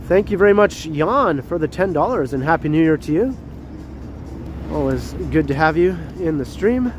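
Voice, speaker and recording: With music playing underneath, a stuffy-nosed man hosts a walking livestream on a city street at night, traffic and street noise audible. His voice is a little high and animated at a moderate pace; he is chatty, laughs often and greets viewers in the chat by name.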